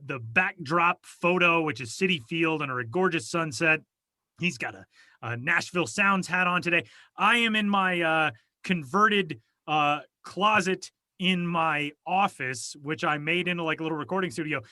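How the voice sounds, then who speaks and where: A high-pitched, animated man with a sharp tone talks at a moderate pace, with no room sound. Co-hosting a podcast, he chats casually, rambling and self-mocking, from a soundproofed closet studio using a home studio mic over a video call.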